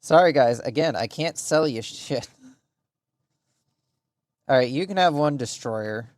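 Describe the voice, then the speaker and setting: A man's voice: mid-range voice, animated, measured pace, no echo, studio quality. A man casually commenting on his strategy game during a live stream, rambling and muttering to himself with frequent swearing.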